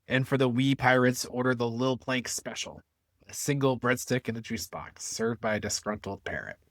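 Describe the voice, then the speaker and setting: A blustery pirate pitchman, as a podcast host puts on the voice at a middle pitch, heaping on the pirate slang. The sound is dry and close. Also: moderate pace, dry recording, close to an everyday voice.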